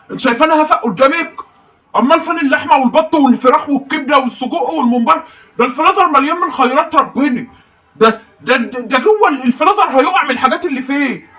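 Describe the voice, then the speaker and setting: Woman playing a hot-tempered hungry Egyptian husband, rapid-fire ranting, bright high voice, recorded from across the room. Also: animated, distant mic. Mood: indignant. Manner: ranting, shouting complaints. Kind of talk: comedy sketch.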